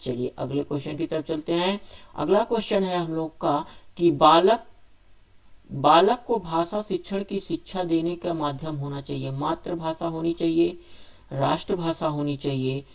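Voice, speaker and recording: A man's voice: a little high, expressive, normal speed, creaky. Man teaching an exam quiz. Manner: reads each question, then asks and answers it himself; repetitive, restates options several times. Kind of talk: spoken exam quiz lesson.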